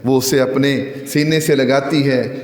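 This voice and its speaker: A man giving a Friday sermon with great passion, his voice swinging widely in pitch and slowing down to recite scripture. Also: steady tone, darkish tone. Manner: impassioned, with wide swings in pitch. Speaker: preacher. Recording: echoey hall with long reverb.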